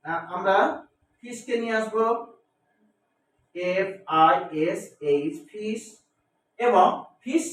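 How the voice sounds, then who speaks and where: In a high-pitched, slightly bright voice, this Bengali-accented grammar teacher lectures didactically, spells out words, repeats himself and supplies answers to his own questions. Faint noise, room echo and a far-off microphone mark the recording.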